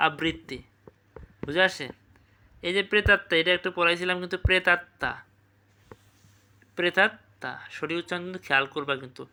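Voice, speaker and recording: A man teaching an exam revision class, repeating each word slowly and checking with quick questions. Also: fairly high pitch, sharp tone, slight background noise.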